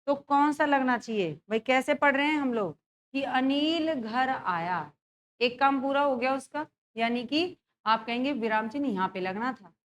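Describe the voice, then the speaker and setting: A woman teacher going through exam questions on punctuation, reading each example sentence slowly several times and putting questions to her students. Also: high voice, animated. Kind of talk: exam-prep grammar lesson.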